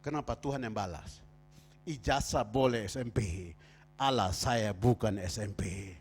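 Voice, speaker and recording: A man preaching a sermon in church, moving from quiet storytelling to loud, shouted preaching. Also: fairly low pitch, unhurried, a little hiss or hum. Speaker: pastor. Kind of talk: sermon with personal stories.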